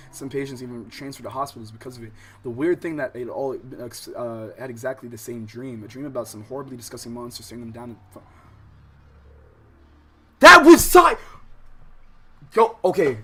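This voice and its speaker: With slight background noise in the recording, a mid-range-voiced man livestreams a visual novel. He reads passages from the game and breaks into casual, slangy, loud and animated reactions.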